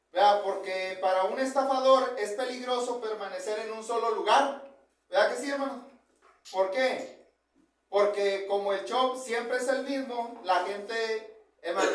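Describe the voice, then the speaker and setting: A man preaching an informal Bible lesson in a church hall, talking conversationally and often asking his brothers "right?". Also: high voice. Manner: conversational, keeps asking "¿verdad?" and addressing "hermanos". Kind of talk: informal sermon. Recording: very echoey hall, mic far off.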